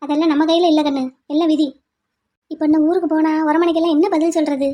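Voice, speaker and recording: Here is a woman playing a worried middle-aged mother in a cartoon drama, fretting over what others will say. Her voice is pitched very high, and she pleads rather than commands. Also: flat delivery, fast, dark tone, lightly acted. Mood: fretful. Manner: fretful, pleading.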